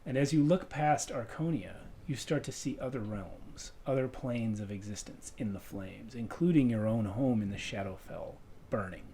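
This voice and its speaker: A game master improvising narration for a tabletop role-playing game in a deliberate storytelling way. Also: medium pitch, mellow, a little hiss or hum.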